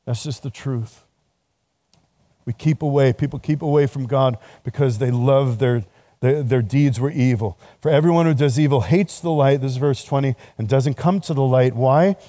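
A man's voice: medium pitch, moderate pace, warm tone. A middle-aged man preaching a casual, conversational sermon to students, laughing at himself often.

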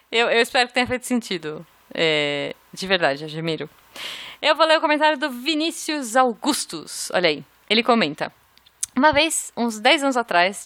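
A woman's voice: fairly high pitch, animated, normal speed, fairly bright tone, no room sound. A young woman co-hosting a casual podcast, chatty and giggly as she reads listener comments aloud. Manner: giggly, chatty, laughs often. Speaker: podcast co-host.

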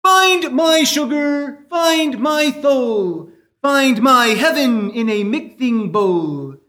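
Very high-pitched goofy Bullwinkle moose. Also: male voice, expressive, takes it slowly, pushed and bright, full character voice. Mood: crooning recital. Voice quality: goofy cartoon voice. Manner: grandiose, oblivious poetry reciter. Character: dopey, cheerful male cartoon moose reciting poetry. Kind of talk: old-time radio variety sketch.

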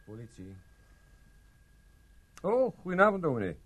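An actor dubbing a young police constable with a casual, offhand manner. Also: male voice, on the high side, wildly swooping pitch, measured pace. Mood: polite. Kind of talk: dubbed film acting. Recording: loud background noise.

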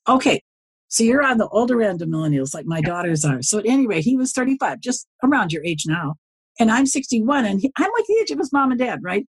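A woman's voice: fairly high pitch, big pitch swings, fast, breathy edge, dry recording. A woman in her seventies, a podcast guest, telling stories in a rambling, folksy way with many asides. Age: 70s. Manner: rambling, folksy, often circles back with asides. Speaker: podcast guest, social media consultant. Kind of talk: casual storytelling interview.

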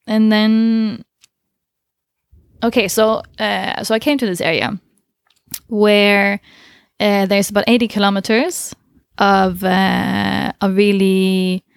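A woman's voice: mid-range voice, level tone, slow pace, gravelly, pauses often, clean tone, dry recording, studio quality. A woman guest in a conversational interview, speaking thoughtfully and hesitantly with frequent fillers and laughs. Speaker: interview guest, long-distance cyclist.

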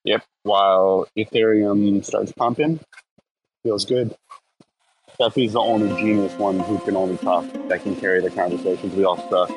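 A man's voice: on the low side, fairly even intonation, normal speed, faint music behind, rough recording. A man in a casual online audio chat who makes short, offhand remarks.

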